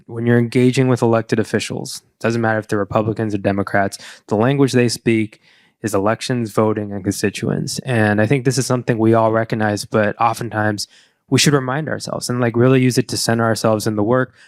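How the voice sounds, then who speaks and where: A man's voice: fairly low pitch, fairly even intonation, a little fast, dry recording, studio quality. A man moderating a panel discussion, giving earnest closing remarks that rally the room, with many fillers.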